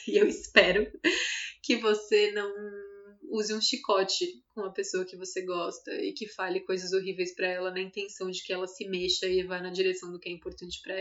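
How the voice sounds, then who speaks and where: A woman with a Brazilian Portuguese accent, speaking gently and conversationally to her listener about self-compassion, laughing lightly now and then. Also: medium pitch. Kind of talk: motivational self-talk monologue. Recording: slightly dull lo-fi sound.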